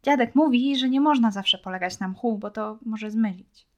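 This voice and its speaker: A woman's voice: fairly high pitch, normal speed, dull audio, natural voice. A woman reading a storybook and voicing a tender-hearted young girl who speaks tearfully and pleads. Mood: hopeful.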